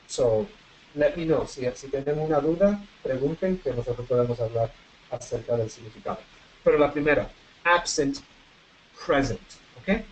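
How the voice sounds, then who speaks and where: A man teaching an English vocabulary class online, switching between Spanish and English and repeating word pairs slowly for practice. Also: medium pitch, dark tone, a little hiss or hum, rough recording.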